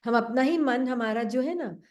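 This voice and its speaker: A woman teaches an online class over a computer mic. Her voice sits fairly high but sounds mellow and dark, and she talks gently, often asking questions. She sinks low to act out the nagging inner voice. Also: normal speed. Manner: gentle, questioning, acts out the doubting mind in a low voice. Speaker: spiritual teacher. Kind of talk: spiritual talk to an online class.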